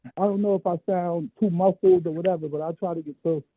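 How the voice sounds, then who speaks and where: A man's voice: high voice, steady tone, fairly quick, husky, dry recording. A man calling in over a muffled phone without headphones, talking hesitantly and searching for his words. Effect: muffled phone audio with little clarity. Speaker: caller. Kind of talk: call-in discussion.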